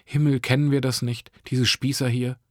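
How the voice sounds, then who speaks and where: A man's voice: mid-range voice, level tone, normal speed, no room sound, clean studio sound, lightly acted. A man voicing a worried, coaxing mother.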